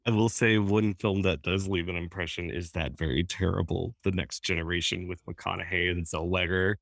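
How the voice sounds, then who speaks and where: Man, low voice, dry close sound, casual opinionated film chat. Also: fairly even intonation, moderate pace, creaky, a bit bright, no room sound. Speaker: film critic podcast host.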